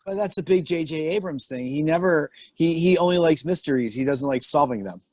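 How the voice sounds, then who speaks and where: A man guesting on a podcast, chatting casually with dry, deadpan quips. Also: a little high, a little fast. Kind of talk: casual chat.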